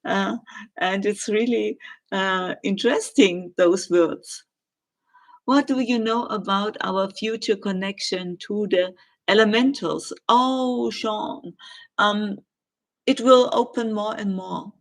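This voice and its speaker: A middle-aged woman with a German accent, answering viewer questions in a live chat and pausing often with ums and uhs. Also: medium pitch, gravelly. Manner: hesitant, many ums and uhs, gentle.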